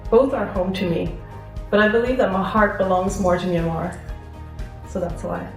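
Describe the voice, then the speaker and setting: A woman's voice: medium pitch, fairly even intonation, normal speed. A woman from Sweden answering audience questions at a seminar, giving earnest advice and acting out little inner voices. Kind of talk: seminar Q&A talk. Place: seminar hall. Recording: echoey hall, far from the mic, faint music.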